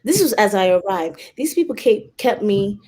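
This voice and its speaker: Animated woman telling a story. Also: mid-range voice. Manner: lively, quick, quotes people with shifts in voice. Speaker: guest.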